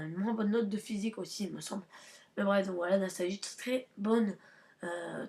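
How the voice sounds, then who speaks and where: A woman hosting a gaming channel, giving casual, slangy gameplay commentary with lots of fillers and restarts. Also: mid-range voice. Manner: hesitant, many fillers and restarts; slangy, chatty, addresses viewers as guys.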